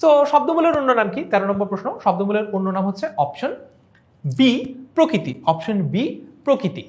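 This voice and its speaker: A woman's voice: mid-range voice, big pitch swings, a little fast, darkish tone. A woman with a Bangladeshi Bengali accent teaching an online exam revision class, explaining step by step and asking and answering her own questions.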